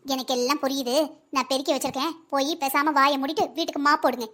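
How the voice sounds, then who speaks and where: A woman voicing a fussy older wife, high and quick. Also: fairly even intonation, fairly bright tone. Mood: bossy. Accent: South Tamil Nadu. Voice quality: pleading, busy, bossy. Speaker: voice actor in a family cartoon. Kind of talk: cartoon family comedy acting.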